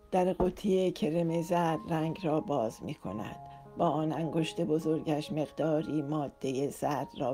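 Low, warm woman narrating a novel. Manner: emotive, dramatic first-person reading. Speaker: audiobook narrator. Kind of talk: scripted narration of a romance novel.

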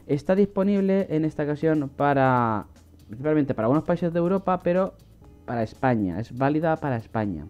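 A man's voice: fairly high pitch, expressive, fairly quick, darkish tone, clear, resonant tone. Man explaining a website, lo-fi. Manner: casual explainer with frequent fillers and restarts. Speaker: online money-making channel host. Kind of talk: screen-recorded website walkthrough. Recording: slightly dull lo-fi audio with faint music.

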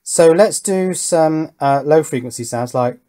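At an indoor workbench, the host of an electronics build channel gives casual hands-on demo commentary, musing aloud in a tentative way. His voice is fairly high, warm in tone, and unhurried.

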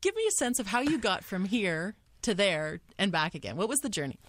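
A woman's voice: medium pitch, very animated, a little fast, fairly bright tone, dry recording. A woman radio host asking friendly, conversational questions in a studio. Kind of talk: radio interview.

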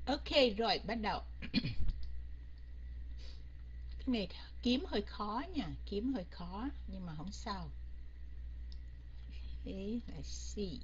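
A woman's voice: medium pitch, animated, slow pace, long pauses, highs cut off, slight background noise. A woman teacher leading an online English grammar lesson, coaxing and quizzing her students and slipping English words in.

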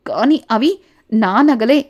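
Woman as firm young bride, emphatic, slow, somewhat lower than her own voice. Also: animated, a little mellow. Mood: insistent.

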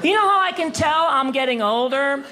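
A man in his fifties performing stand-up comedy on a theater stage, animated and slipping into voices of other people. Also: extremely high pitch, moderate pace, a loud crowd, very noisy. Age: 50s. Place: theater stage before a live audience. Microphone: handheld mic.

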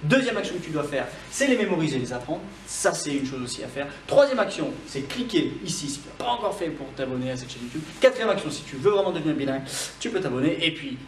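A man's voice: on the high side, very animated, far from the mic. French man teaching English words, echoey. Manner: repeats words slowly for the viewer to copy. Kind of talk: YouTube vocabulary lesson. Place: building with a corridor.

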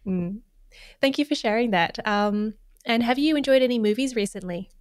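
A woman's voice: a little high, normal speed, smooth, no room sound. A woman in her thirties hosting a podcast at a studio microphone, friendly with ums. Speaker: podcast host. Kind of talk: podcast interview. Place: small studio room. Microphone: studio mic on boom arm, headphones.

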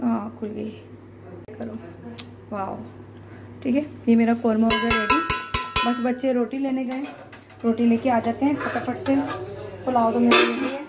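A woman's voice: fairly high pitch, fairly even intonation, moderate pace, long pauses, heavy background noise. A woman filming a casual home cooking vlog on a phone camera, complaining in a playfully dramatic way. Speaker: vlogger. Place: family home kitchen.

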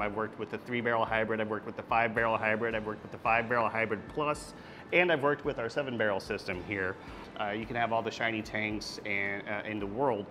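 A man in his thirties, a brewer, talking casually and technically about brewing, with plenty of fillers. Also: fairly low pitch. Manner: talkative, technical, many fillers. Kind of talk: casual on-camera explanation. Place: brewery floor and taproom. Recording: clear background noise.

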